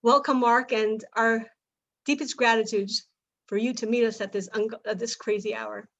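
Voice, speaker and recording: A woman with a fairly high voice hosts an evening talk over a video call. She introduces her guest and then asks him questions, speaking in a measured, earnest way. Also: steady tone, creaky, fairly bright tone, muffled recording, a little hiss or hum. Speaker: host.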